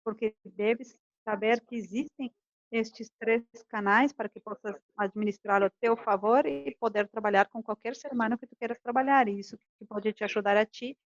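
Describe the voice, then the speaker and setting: A woman's voice: on the high side, moderate pace, no room sound, muffled recording. Woman coaching. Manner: animated, acts out quoted couples' arguments. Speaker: communication coach. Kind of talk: lecture to a class.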